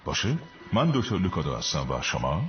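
A male dubbing actor voicing a calm, authoritative hospital doctor who speaks in a measured, soothing way. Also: very deep voice. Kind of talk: Persian film dub. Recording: dull lo-fi film audio with music.

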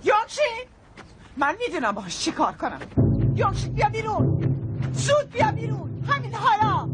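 A woman voicing an agitated village woman who shouts in a dubbed drama. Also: very high voice, very animated, over loud music. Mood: furious. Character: furious village woman, older, quick to shout.

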